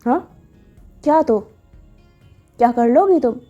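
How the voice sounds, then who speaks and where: An indignant young woman, voiced by a woman narrating a story calls herself 'we' and fiercely guards what is hers. The voice is slightly high and dark and mellow in tone. Faint music plays underneath. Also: animated, slow pace, highs cut off, exaggerated voice. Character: possessive young woman defending her room.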